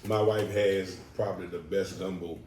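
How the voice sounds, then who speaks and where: A man's voice: low voice, fairly even intonation, normal speed, a little mellow, distant mic. A man from New Orleans with a local accent, talking over a family dinner and explaining at length with many fillers and firm emphasis. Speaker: husband, father. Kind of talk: casual family mukbang chat. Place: home dining table. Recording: echoey room, from off mic, faint noise.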